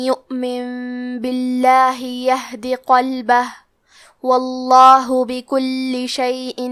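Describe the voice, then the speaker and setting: A woman teaching Quran recitation rules in a calm, methodical way, reciting verses slowly between her explanations. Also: high-pitched.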